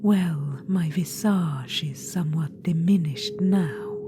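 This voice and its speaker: A woman whispers slowly in a low voice as an arrogant ancient witch-queen sealed inside an orb. The ASMR roleplay has her sounding soft, regal and condescending.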